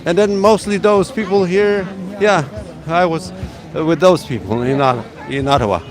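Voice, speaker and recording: Middle-aged polish guy, halting english, bit high voice, outdoors at a protest. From Poland. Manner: halting, searching for words. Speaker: interviewee, protester.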